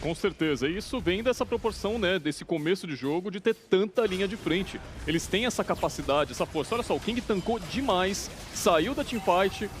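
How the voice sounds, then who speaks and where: A Brazilian man speaks as an esports analyst in a somewhat high voice. He explains the match in a conversational way. Soft music plays behind him. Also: lively intonation, normal speed.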